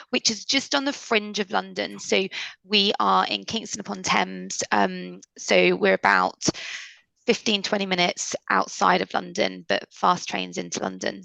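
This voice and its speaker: Bright, gravelly-voiced woman in her thirties. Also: mid-range voice, no room sound, low-quality recording. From Mexico. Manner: unhurried, easygoing, with ums. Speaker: recruitment consultant. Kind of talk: casual webinar introduction. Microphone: video call.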